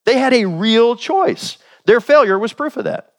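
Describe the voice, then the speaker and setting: Animated, conversational male preacher. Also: very high-pitched, measured pace. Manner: conversational, rhetorical questions, acts out voices. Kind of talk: sermon.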